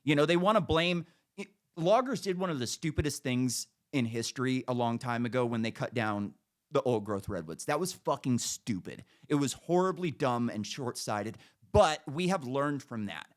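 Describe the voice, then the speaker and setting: A man's voice: mid-range voice, animated, normal speed. American man on a blunt, profane rant. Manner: blunt, profane, emphatic and repetitive. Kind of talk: opinionated casual rant.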